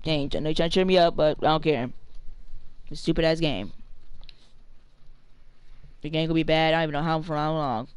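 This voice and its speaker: A man's voice: on the high side, brisk, pauses often, clean tone, no room sound. A man streaming a video game live, chatting casually to his viewers, frustrated and swearing a lot. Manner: complains to viewers and talks to his pet. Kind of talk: casual live gaming commentary.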